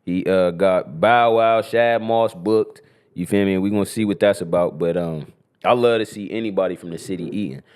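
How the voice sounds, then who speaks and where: A young man from Columbus, Ohio co-hosts a podcast, his voice low, smooth and a bit dark, moving at a moderate pace. The chat is loose and casual, full of slang and frequent "you feel me."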